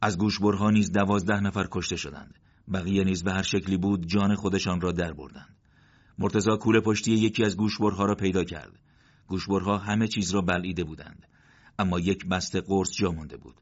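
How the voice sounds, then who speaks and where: A man narrating a war story in a steady, measured reading. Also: deep voice. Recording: dull lo-fi recording.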